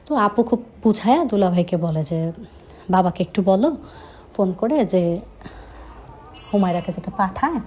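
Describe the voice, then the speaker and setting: A young woman with a slight Chittagong Bengali accent recounts her own story in an easy, chatty way. Her voice is mellow and low in brightness, and she often pauses or restarts her sentences. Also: lively intonation, slight background noise. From Chittagong, Bangladesh. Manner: conversational, with frequent hesitations. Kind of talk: first-person storytelling.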